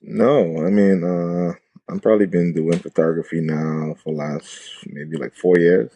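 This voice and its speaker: A man from the Bahamas, a wedding photographer chatting casually as a podcast guest, relaxed and full of "you know". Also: sits low, unhurried, vocal fry. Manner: laid-back, lots of "you know" and "like". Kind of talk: casual interview chat.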